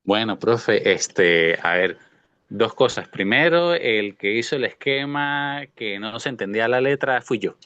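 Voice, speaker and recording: A man's voice: fairly low pitch, expressive, a little slow, a bit bright, smooth, no echo, muffled recording. A man, a graduate student speaking earnestly to his professor, hedging with many fillers.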